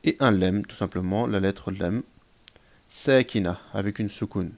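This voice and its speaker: A man's voice: lowish voice, a little slow, darkish tone. A man teaching an Arabic grammar lesson, patiently repeating examples and checking in with his listeners.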